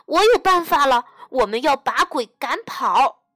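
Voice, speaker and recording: A woman voicing a young, brave boy bunny who is excited and quick to cheer, in a storybook. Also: sits high, no echo, clean studio sound, soft background music, exaggerated voice.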